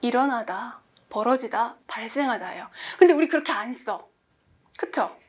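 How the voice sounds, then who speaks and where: A woman's voice: on the high side, lively intonation, moderate pace, husky. A woman in her forties teaching English vocabulary in class, quizzing students and making small jokes. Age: 40s. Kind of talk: classroom lecture.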